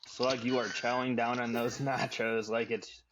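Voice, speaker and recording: A man hosting a casual podcast chat in a relaxed, hesitant way with many fillers. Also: medium pitch, a little slow, noisy background. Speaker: podcast host.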